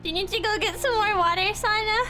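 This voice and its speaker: Very high-voiced giggly woman streamer. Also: fast, music in the background. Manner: giggly, teasing, drops low for narration. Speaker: streamer and voice actress. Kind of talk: narrating a visual novel and chatting on a stream.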